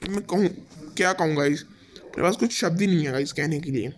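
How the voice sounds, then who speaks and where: Excitable high-voiced young gaming man. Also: a little fast. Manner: excitable, fills every phrase with "guys". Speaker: gaming YouTuber. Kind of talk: live gameplay commentary.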